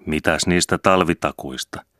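A man's voice: extremely low pitch, fairly bright tone, dry recording, studio quality. A man voicing a sly, teasing old widower, the brother in a story reading, speaking in a playful chuckling way.

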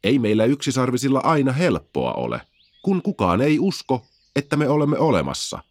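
A man's voice: mid-range voice, wildly swooping pitch, dry recording, voice pushed up. A man voicing an ancient, sleepy stone unicorn, kind, wry and reassuring. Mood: wry, gentle.

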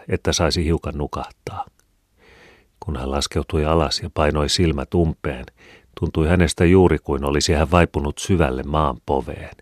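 A man narrating a classic novel as an audiobook reader, in a calm, measured storytelling manner. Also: a bass voice, no room sound, studio quality.

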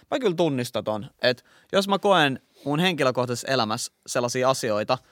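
On a casual chat podcast, a Finnish co-host with a mid-range voice reads bits of an article aloud and then animatedly relates dreams he has had. The recording is clean studio sound with no echo.

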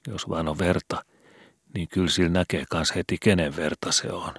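Man reading as a know-it-all street kid, helsinki slang, low and husky, half whispered. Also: fairly even intonation, a bit bright, dry recording, studio quality, exaggerated voice. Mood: explaining. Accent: old Helsinki slang. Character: streetwise teenage boy Vili, know-it-all.

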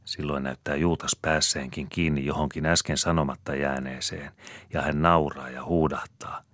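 Very deep-voiced male audiobook narrator. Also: steady tone, a bit bright, no room sound, clean studio sound. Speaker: audiobook reader. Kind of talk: scripted narration of a novel.

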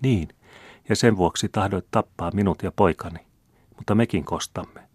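A man reading aloud the lines of a noblewoman disguised as a peasant, speaking earnestly, solemnly and gently. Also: low voice, breathy edge, dry recording, studio quality, voice pushed up. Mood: grave. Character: noble woman disguised as a peasant, calm and grave.

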